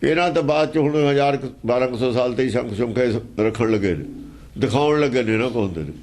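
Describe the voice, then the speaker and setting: A man's voice: mid-range voice, fast talker, a little mellow. A man teaching scripture in an emphatic, argumentative way, asking pointed rhetorical questions. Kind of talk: explaining scripture verse by verse.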